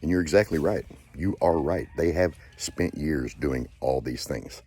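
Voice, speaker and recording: Angry low-voiced man ranting. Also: unhurried, dark tone, husky. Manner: angry, profane, repetitive ranting. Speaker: channel host. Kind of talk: angry rant to camera.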